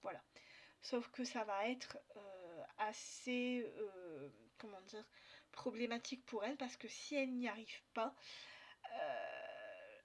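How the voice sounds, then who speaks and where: A French woman vlogging about her reading, talking casually with many pauses, fillers and restarts. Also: medium pitch, big pitch swings. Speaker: book vlogger. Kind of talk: casual book review chat.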